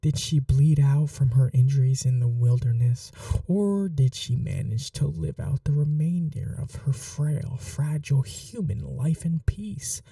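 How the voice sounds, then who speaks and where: This intimate ASMR roleplay has a man voicing a possessive ageless vampire lover, tender but cruel, who coaxes slowly in a soft, breathy tone and frequently whispers. His pitch is fairly high, and the mood feels wistful and menacing. There is no echo, and the mic is distant.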